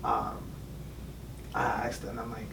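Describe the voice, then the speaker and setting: A man's voice: medium pitch, monotone, slow pace, gravelly, crowd noise. A young man hosting a podcast, asking questions in easygoing, slangy chat. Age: young adult. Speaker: podcast host. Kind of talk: casual interview chat. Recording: distant mic with faint room noise.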